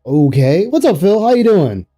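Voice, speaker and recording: A man's voice: sits high, very animated, moderate pace, dark tone, soft background music. A man streaming, commenting sarcastically and incredulously on an interview clip he is playing. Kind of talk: reaction commentary.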